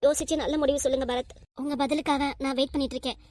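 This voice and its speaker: Woman voicing a rapid, high young nurse. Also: level tone, heavy background noise, close to an everyday voice. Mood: tearful pleading. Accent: southern Tamil Nadu. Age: 20s. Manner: pleading, insistent, talks over objections. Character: earnest 20-year-old female nurse, lovestruck and persistent. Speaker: voice actor. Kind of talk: cartoon voice acting.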